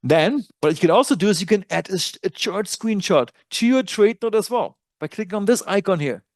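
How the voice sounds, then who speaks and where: A man's voice: sits high, lively intonation, fairly quick, no echo. A man with a German accent presenting a trading dashboard in a webinar, walking through features in a casual, self-correcting way. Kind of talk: software tutorial walkthrough.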